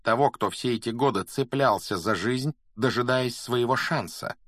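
A man voicing a calm, solemn male centaur in a storybook reading, speaking in a measured, grave and quiet way. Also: mid-range voice, no echo, clean studio sound, pitched above the performer's own voice, lightly acted.

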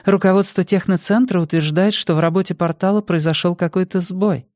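A man's voice: high-pitched, fairly even intonation, a little fast, a little mellow, no echo, studio quality, voice pushed up, close to an everyday voice. A man voicing a young woman assistant who speaks politely and cautiously. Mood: deferential. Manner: polite, deferential. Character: young female aide, deferential and cautious.

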